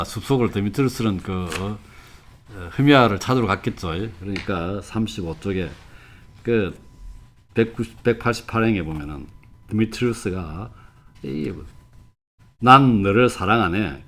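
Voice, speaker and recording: Older male professor, lowish pitch; conversational lecturer who acts out quotes. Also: normal speed, a bit bright. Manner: conversational, tells anecdotes, reads quotes with feeling. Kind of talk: classroom lecture, reading passages aloud.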